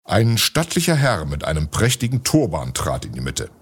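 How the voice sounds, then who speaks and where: A man reading a storybook aloud in an expressive way. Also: deep voice, normal speed, husky. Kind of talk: storybook narration.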